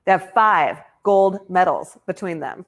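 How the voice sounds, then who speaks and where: A woman hosting a virtual fundraiser banquet over a video call, gushing and playful with quick asides. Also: lowish voice. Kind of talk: upbeat emcee patter.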